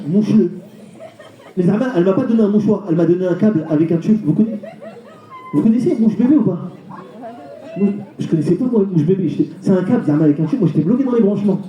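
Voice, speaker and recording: A male stand-up comedian doing a live routine, telling rapid, animated stories and slipping into acted voices. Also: high-pitched, dull audio. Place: live comedy show venue. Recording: echoey venue with crowd.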